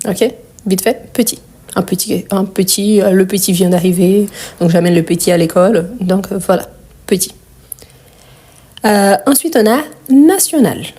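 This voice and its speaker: A woman teaching French grammar in a live online lesson. She patiently repeats each word slowly and asks viewers questions. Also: mid-range voice, mellow, breathy edge.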